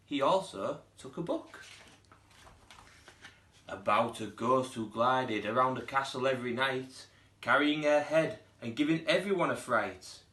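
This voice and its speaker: A man with a medium-pitched voice reads a children's storybook aloud, sounding like a primary school teacher. He performs expressively, giving the characters their own voices, and the recording is reverberant.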